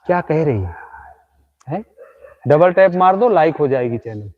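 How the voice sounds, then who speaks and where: Through narrow, tinny audio comes a slightly high, expressive male voice at normal speed. He's hosting a nighttime outdoor comedy live stream, talking straight to an unseen ghost he says stands before him and teasing it.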